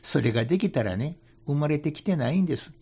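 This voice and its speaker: A man's voice: fairly high pitch, lively intonation, quick pace, darkish tone, slightly rough, dull audio. A man with a Kansai accent, a Buddhist temple priest talking casually on a radio show and slipping into folksy dialect. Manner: folksy, chuckling, slips into Kansai dialect for emphasis. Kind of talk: relaxed radio talk on Buddhist teaching.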